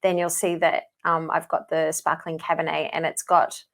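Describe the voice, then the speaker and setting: A woman co-hosting a podcast in casual chat, a lively storyteller who laughs often. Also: deep voice, moderate pace. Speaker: podcast co-host.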